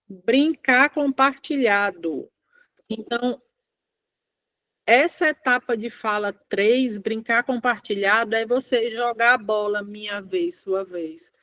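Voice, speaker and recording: A woman's voice: on the high side, a bit bright, no room sound. A Brazilian woman speech therapist giving a lesson to parents, emphatic and repeating her key points. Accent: Brazilian Portuguese. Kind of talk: direct-to-camera parenting lesson.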